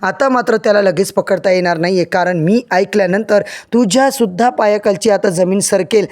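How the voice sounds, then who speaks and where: A man's voice: high-pitched, brisk, close to an everyday voice. A man voicing a shaken young woman confiding a discovered secret, anxious.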